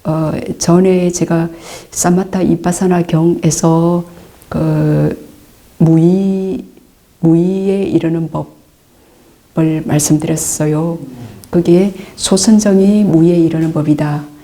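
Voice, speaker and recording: A middle-aged woman, a Buddhist nun, patiently answering meditation questions, calm and repetitive, sometimes dropping into soft asides. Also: fairly low pitch, takes it slowly. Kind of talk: dharma Q&A teaching.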